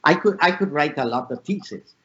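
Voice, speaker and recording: Guyanese guy in his 60s, high-ish voice, preachy lists, dull online call sound. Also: expressive, normal speed, pushed and bright. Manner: emphatic, repetitive lists, rising and falling pitch. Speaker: panel guest, professor. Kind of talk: impassioned panel discussion.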